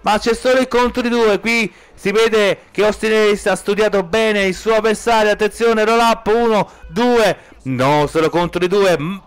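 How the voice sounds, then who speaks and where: An Italian man giving excited live play-by-play wrestling commentary as a commentator, urgent and exclamatory, stretching out stressed words. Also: high-pitched, clean tone. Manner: urgent, exclamatory, drawn-out stressed words, rising to shouts at key moments.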